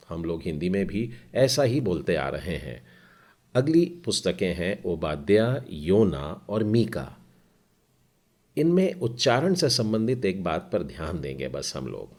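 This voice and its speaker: A man teaching a Hebrew class, spelling out letters and vowel marks one by one in a slow, explanatory way. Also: low-pitched, sing-song, darkish tone.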